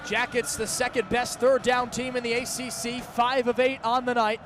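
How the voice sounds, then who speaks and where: This play-by-play announcer, a man in his 20s, has a very high-pitched voice with a level tone and moderate pace. He's calling football live on radio from an outdoor college stadium, speaking in clipped, urgent bursts over faint background noise and stadium ambience.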